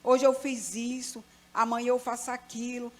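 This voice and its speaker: A woman's voice: a little high, level tone, normal speed, darkish tone. A middle-aged Brazilian woman at a church service, sharing a rambling testimony and praying fervently and repetitively, calling out to God and the pastor again and again. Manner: rambling, keeps turning to the pastor with "né"; fervent, repetitive prayer full of "Senhor" and "Pai". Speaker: church member giving testimony and offering prayer. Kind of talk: testimony and spontaneous prayer.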